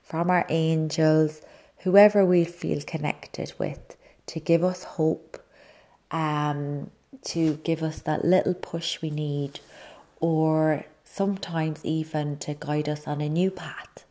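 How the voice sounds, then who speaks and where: A woman sharing a personal story about grief and signs, speaking softly and often dropping to a near-whisper, with many pauses and ums. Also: low-pitched, steady tone.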